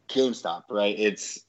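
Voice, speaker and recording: A man's voice: fairly low pitch, slow pace. A man chatting casually and asking curious questions over a remote call through wireless earbuds, his audio choppy and fading in and out. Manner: curious, asks plain questions. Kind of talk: casual podcast chat. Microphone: wireless earbuds over a video call. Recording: dull lo-fi call line.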